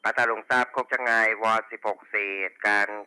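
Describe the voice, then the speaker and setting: A man's voice: lowish voice, fairly even intonation, fairly quick, noisy background. A man working as a police radio dispatcher, reading back station reports and call signs in formulaic procedure over a walkie talkie. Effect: two-way radio.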